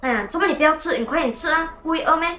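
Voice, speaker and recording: A woman's voice: high voice, very fast, bright, forceful tone, slight background noise, pitched above the performer's own voice. Woman playing a pleading frightened mother. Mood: coaxing. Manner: begging, repeating herself. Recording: echoey room with faint music.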